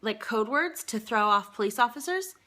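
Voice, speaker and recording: A woman's voice: fairly high pitch, animated, moderate pace, pushed and bright. A woman vlogging in casual chat, rambling along with frequent ums and asides as she answers a list of questions.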